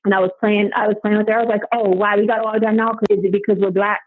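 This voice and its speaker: A woman's voice: mid-range voice, flat delivery, racing, no echo. A woman from Carolina calling from jail and chatting casually over a prison phone line, telling stories full of quoted back-and-forth.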